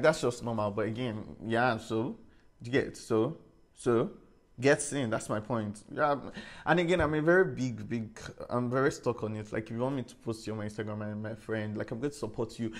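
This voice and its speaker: A young man, a beauty influencer chatting casually while he does his makeup, sassy and full of "like" and "period". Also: medium pitch.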